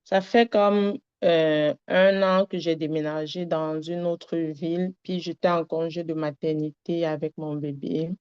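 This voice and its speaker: A woman's voice: low-pitched, little pitch movement, unhurried, few pauses, smooth. A young woman sharing a personal faith testimony, rambling and earnest with many fillers. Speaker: testimony giver. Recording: dull lo-fi sound.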